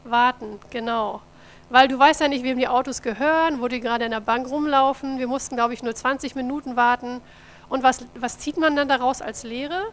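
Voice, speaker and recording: A woman's voice: high-pitched, steady tone, fairly quick, a bit bright. A woman from Germany, a mission office coordinator, giving a friendly church presentation about her work and talking directly to the audience. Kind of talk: church mission report with slides.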